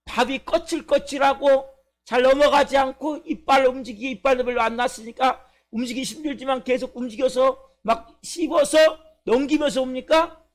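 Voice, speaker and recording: A man's voice: very high voice, fairly even intonation, moderate pace. A male pastor preaching at a church service, emphatic, asking the congregation questions and answering them himself. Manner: acts out a crying baby's complaints. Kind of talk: sermon.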